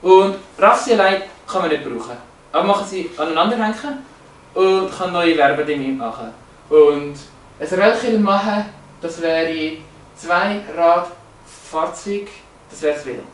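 A man's voice: high-pitched, expressive, normal speed. A man explaining language features from slides, hesitant, with many fillers and restarts. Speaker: presenter. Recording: roomy, echoey, from a distance.

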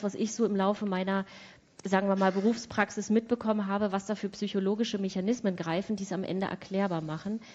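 A woman speaking as an expert on a panel, explaining in an earnest, measured way. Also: medium pitch, a little mellow. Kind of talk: panel discussion. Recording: dull lo-fi conference audio.

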